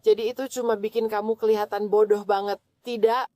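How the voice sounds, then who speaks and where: A woman's voice: medium pitch, little pitch movement, brisk, dark tone, no echo. A drunk woman arguing with and taunting police during a heated confrontation. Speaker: detained driver, intensive care nurse.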